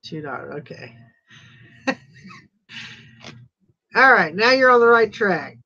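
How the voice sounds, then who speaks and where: A woman's voice: mid-range voice, big pitch swings, bright, forceful tone, breathy edge. A woman hosting a casual live-stream auction, chatty and laughing often. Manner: chatty, laughs often, drawn-out slow delivery. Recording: dull lo-fi livestream audio.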